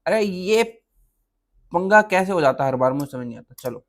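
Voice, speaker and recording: A man's voice: a little high, expressive, moderate pace. A young man hosting a reaction video, chatting casually with viewers, calling them "bhai" and restarting his sentences as he goes.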